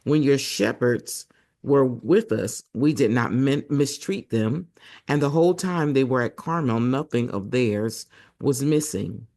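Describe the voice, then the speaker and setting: Hosting a Bible reading, a man with a medium-pitched, darkish voice reads aloud while hoarse and losing his voice. He stops now and then for chatty asides to viewers.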